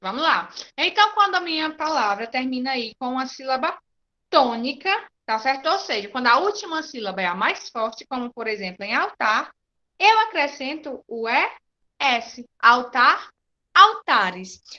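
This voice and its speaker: Woman, teacher, online lesson, patient step-by-step explainer, high voice, bright tone. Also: very animated, normal speed, dull audio.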